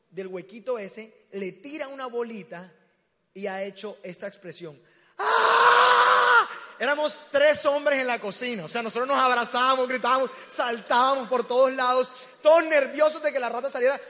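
A young man preaches in a lively storytelling way, acting out voices and shouting at the funny parts. His voice is high and bright. A long reverb fills the hall around him. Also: normal speed. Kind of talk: storytelling sermon.

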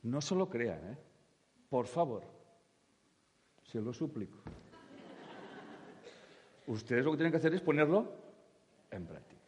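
A man's voice: mid-range voice, measured pace, long pauses, long reverb tail. A man giving a humorous spiritual talk to an audience, acting out quoted voices with crude jokes. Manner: lively, acts out quoted voices, jokey and crude. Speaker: spiritual speaker.

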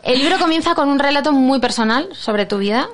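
A woman host with a fairly high voice keeps things moving briskly. She speaks quickly and frames her questions for the guest. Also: lively intonation. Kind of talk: interview questions.

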